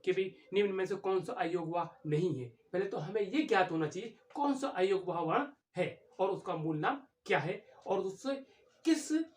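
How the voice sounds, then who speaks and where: Man teaching grammar in an echoey room. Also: high voice. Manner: explanatory, pauses with drawn-out fillers. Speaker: Hindi teacher. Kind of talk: exam-prep grammar lesson. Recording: echoey room, voice from far off the mic.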